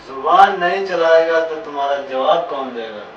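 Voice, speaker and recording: A man playing a defiant prisoner who talks back, his voice fairly high. The sound is dull and echoey, with faint noise behind. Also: a little slow. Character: defiant male prisoner under interrogation.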